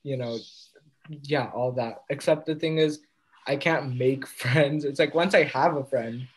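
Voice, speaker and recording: A teenage boy co-hosting a podcast in casual chat, talkative and often trailing off quietly at the ends of his thoughts. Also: medium pitch, unhurried, breathy edge, poor audio. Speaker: podcast co-host.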